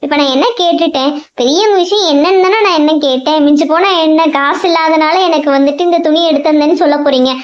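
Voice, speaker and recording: Woman doing cartoon young boy, high voice, hurt and insistent, dull lo-fi sound. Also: quick pace, close to an everyday voice. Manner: pleading, insistent questioning. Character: young boy Somu, hurt and stubborn son.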